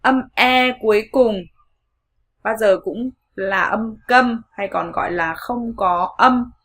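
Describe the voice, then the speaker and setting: Slow, husky-voiced woman teaching pronunciation. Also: fairly high pitch, a bit bright. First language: Vietnamese. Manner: slow, clear modeling of sounds with repetitions. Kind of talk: online pronunciation lesson.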